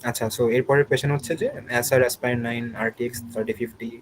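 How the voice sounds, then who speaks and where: A man's voice: mid-range voice, flat delivery, a little fast, slight background noise, rough recording. A young man hosting an online student Q&A, reading out questions and answering casually with English words mixed in.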